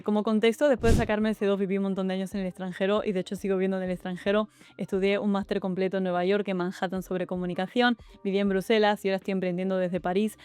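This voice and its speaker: Woman, Spanish accent, young adult, quick upbeat vlog chat, low music underneath. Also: a little mellow, smooth. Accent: Spanish (Spain). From Spain. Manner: chatty and upbeat, with quick asides to the viewer. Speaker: YouTuber giving study-abroad and exam advice. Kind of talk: casual advice vlog. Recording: faint music behind the voice.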